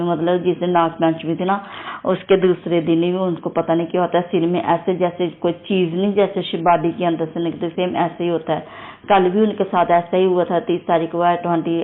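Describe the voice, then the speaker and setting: A woman telling a devotional testimony in an earnest, repetitive way, often turning to address the congregation. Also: on the low side. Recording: tinny phone-quality recording.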